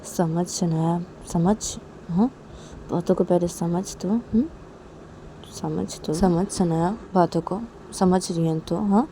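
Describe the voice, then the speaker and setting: A woman voicing a gentle elder sister who soothes her crying younger sister, coaxing and repeating herself. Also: fairly low pitch, fairly even intonation, slow pace, slight background noise. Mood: soothing.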